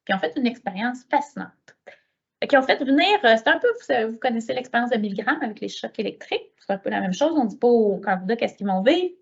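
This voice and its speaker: A middle-aged woman with a Quebec French accent giving a conference talk, telling lively stories and acting out the dialogue. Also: fairly high pitch, fast talker, vocal fry, breathy edge, muffled recording. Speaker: lecturer.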